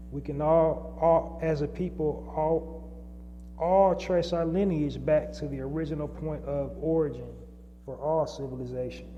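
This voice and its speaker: A man hosts his own podcast in a solo, off-the-cuff monologue full of fillers and restarts. His mellow voice sits in the mid range, and the dull audio carries long reverb and a faint hum.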